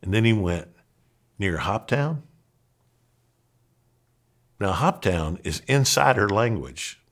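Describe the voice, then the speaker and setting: A middle-aged man with a Southern accent from Kentucky, a pastor telling a personal story in an earnest, animated way with frequent restarts. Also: on the low side, normal speed. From Western Kentucky, USA. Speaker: pastor and podcast host.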